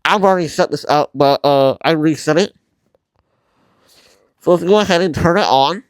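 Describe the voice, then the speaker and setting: A man hosting a casual tutorial vlog, talking informally and haltingly through a mask that muffles his mouth, often apologetic. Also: a little high, smooth, dry recording. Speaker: video host.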